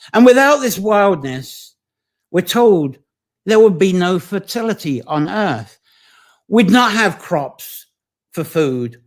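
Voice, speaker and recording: A man with a slightly higher voice hosts a live-streamed folklore talk. He wanders from point to point in an informal, rambling way and breaks off now and then to answer viewers' comments. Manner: chatty and digressive, reading out viewers' comments. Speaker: host of a live online folklore session.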